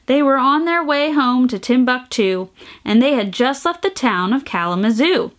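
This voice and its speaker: A woman with a high voice, at a moderate pace, hosts a children's storytime, reading a picture book aloud. Her delivery is animated and sing-song, full of exaggerated emphasis and playful sound effects.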